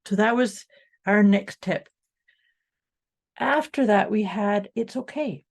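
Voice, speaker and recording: A woman's voice: mid-range voice, slow. A woman co-hosting a motivational podcast, talking through mindset tips in an upbeat, encouraging way. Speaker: podcast co-host. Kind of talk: casual motivational chat.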